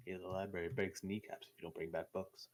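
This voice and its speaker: Brief: low-pitched male player, casual and wry. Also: level tone, fast talker, darkish tone. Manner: joking, offhand. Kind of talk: casual chat.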